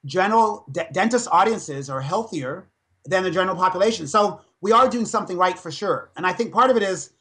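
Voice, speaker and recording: A man's voice: sits high, a little fast. A man in his fifties, a dentist and fitness speaker, telling stories with energy in a podcast interview. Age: 50s. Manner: animated storytelling, energetic.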